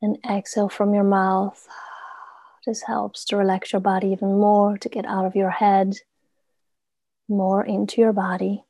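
A woman leading a guided body meditation in a soothing, gentle murmur, giving soft instructions with pauses between phrases. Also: mid-range voice, little pitch movement, dry recording.

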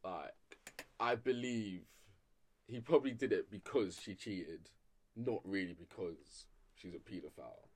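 A man's voice: low voice, a little slow, darkish tone, slightly rough. A young man with a London roadman accent, chatting in a slangy, emphatic way and repeating himself in a casual group discussion.

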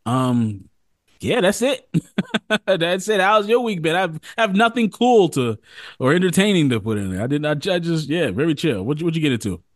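Male co-host, lively swooping delivery, hype-man energy, dry close recording. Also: on the high side, normal speed, no room sound. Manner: animated, hype interjections, laughs often. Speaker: podcast co-host. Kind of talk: casual podcast chat.

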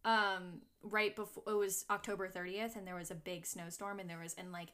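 A woman's voice: mid-range voice, flat delivery, a little fast, pushed and bright. Playful woman. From New England. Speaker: podcast co-host. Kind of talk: casual chat.

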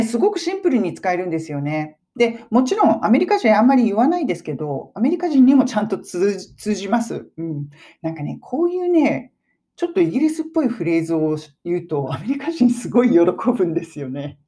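A woman in her forties, an English-teaching YouTuber, giving a chatty spoken lesson and sometimes dropping into soft asides. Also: mid-range voice.

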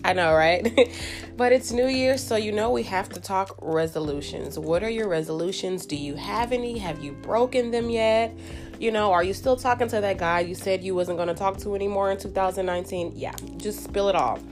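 A woman hosting a casual, chatty girl-talk show in an animated, informal way, congested with a cold so she sounds nasal, as if her nose is pinched shut. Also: medium pitch, fairly quick, music in the background. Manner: animated, informal girlfriend talk with emphatic repetition. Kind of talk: casual chatty monologue to listeners.

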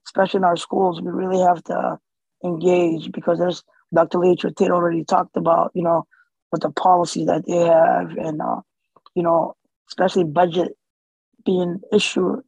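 A man's voice: high-pitched, level tone, normal speed, creaky, darkish tone, slightly rough, no echo, dull audio. A man born in Somalia and raised in the US, speaking as an interview guest in a casual, hesitant way with many fillers and restarts. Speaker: interview guest, community organizer.

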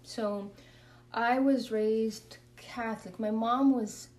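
In this interview, a Kenyan nun offers her testimony and a spoken prayer in an earnest, reflective way. She speaks slowly with a slightly high, steady and somewhat mellow voice, recorded a little distant from the microphone.

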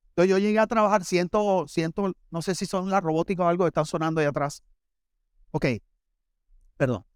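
A middle-aged pastor with a Barranquilla coastal Colombian accent delivers a sermon in a high, bright-pitched voice. He tells stories conversationally and speaks directly to the congregation with humorous asides. The sound is close and dry, with no room echo. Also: smooth. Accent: Colombian Caribbean coast (Barranquilla).

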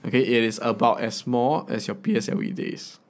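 A man's voice: mid-range voice, a little fast. A young man with a Singaporean accent, chatting and advising in colloquial Singlish, tagging phrases with ah, right and okay. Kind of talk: casual advice chat.

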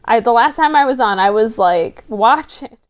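Lively higher-voiced woman chatting. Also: brisk. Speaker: returning podcast guest. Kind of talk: casual fan chat.

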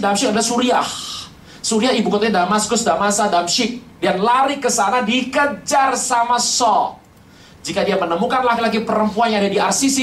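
A preacher giving a lively, humorous sermon, firing rhetorical questions and jokes at the congregation. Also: medium pitch, a little hiss or hum. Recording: roomy, from a distance.

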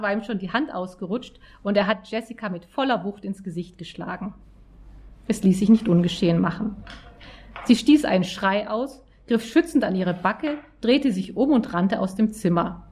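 A woman telling and reading a story aloud with an expressive, lively delivery. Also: mid-range voice, moderate pace. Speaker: audiobook reader. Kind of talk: storytelling narration.

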